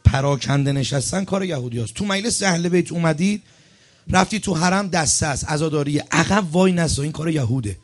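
A man preaching a sermon at a religious gathering, telling a story and speaking straight to the congregation, repeating phrases for emphasis. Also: on the high side. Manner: speaks directly to the congregation, urging and instructing.

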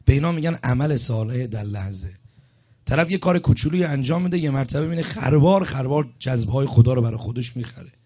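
A man's voice: medium pitch, expressive, dark tone. A man preaching a sermon at a religious gathering, telling a story and speaking straight to the congregation, repeating phrases for emphasis. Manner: speaks directly to the congregation, urging and instructing.

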